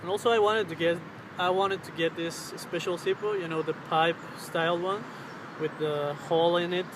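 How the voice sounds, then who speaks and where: Standing on a riverbank beneath a road bridge, a young man in his twenties vlogs into his camera's built-in mic at arm's length, traffic and ambient sound clearly audible. His voice is slightly high and fairly flat, and his casual speech is halting as he stops to hunt for words.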